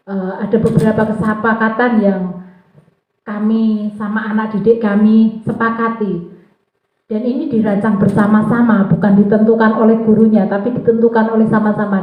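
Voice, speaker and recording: Teacher woman with a tinny echoey sound. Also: fairly high pitch. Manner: warm and coaxing, with frequent filler pauses. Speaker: kindergarten teacher. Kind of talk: informal presentation to fellow teachers.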